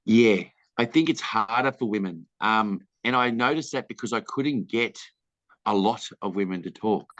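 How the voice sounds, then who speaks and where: Candid low-voiced Australian man, lo-fi. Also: moderate pace, a bit bright, no room sound. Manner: candid, rambling storyteller who acts out quoted people. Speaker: film director being interviewed. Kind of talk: casual interview answers. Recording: dull lo-fi dry recording.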